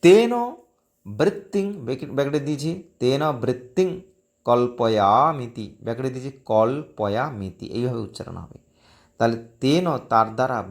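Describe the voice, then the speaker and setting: A man teaching a Sanskrit text in a recorded lesson, slowly reciting each phrase syllable by syllable and then explaining it. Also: medium pitch, creaky. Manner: slow, careful syllable-by-syllable recitation.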